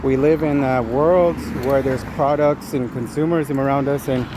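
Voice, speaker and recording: A man's voice: medium pitch, fairly even intonation. Rambling man vlogging outdoors over street noise. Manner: rambling, halting, repeats himself; informal slang with some swearing. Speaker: video diarist. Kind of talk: casual rambling monologue to viewers. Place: outdoors, walking along a street. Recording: noisy outdoor street with passing cars.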